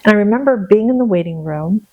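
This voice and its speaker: A woman from the Seattle area telling a personal faith story in casual conversation, animated and acting out her own prayers. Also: medium pitch, fast talker, narrow, tinny audio. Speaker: podcast guest.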